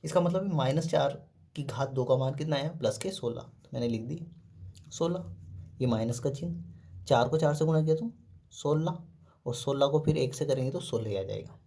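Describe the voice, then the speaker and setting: This math teacher has a warm, medium-pitched voice. He breaks the lesson into steps, asks himself questions and supplies the answers, and keeps saying "देखो" and "ठीक है".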